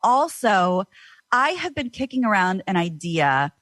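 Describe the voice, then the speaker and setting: Lively woman guest, casual podcast chat, dry close mic. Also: medium pitch, unhurried, dry recording. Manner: chatty, animated, exclamatory. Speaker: voice actor guest.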